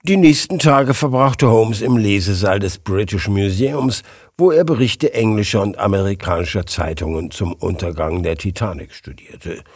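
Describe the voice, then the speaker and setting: A man narrating a detective audiobook in an expressive, scripted read. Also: lowish voice, normal speed, slightly rough, dry recording, clean studio sound.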